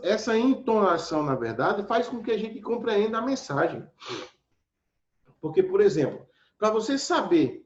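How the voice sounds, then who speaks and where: A man teaching an online grammar lesson in a casual, teacherly way, constantly checking in with his students. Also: a little high. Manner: casual teacherly, frequent "tá certo?" check-ins. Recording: echoey dull lo-fi room recording.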